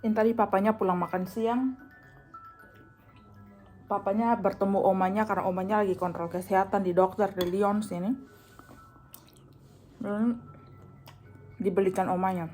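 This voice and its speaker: A woman's voice: medium pitch, steady tone, normal speed, long pauses, soft background music. A woman, vlogging casually at home and cooing to her baby between remarks to viewers. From Indonesia. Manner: chatty, coos softly to her baby, sometimes drops to a hush.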